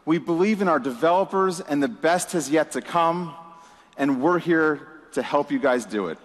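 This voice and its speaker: Giving an upbeat keynote, a man speaks at a normal speed in a voice on the high side. The setting is a large, reverberant conference hall with an audience. He is emphatic throughout and uses a few "you know" fillers.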